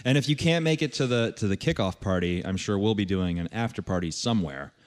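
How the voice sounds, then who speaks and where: Lowish voiced guy on a podcast, laid back, cracks jokes, swears a bit. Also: expressive, quick pace. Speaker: podcast co-host. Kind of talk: casual chat.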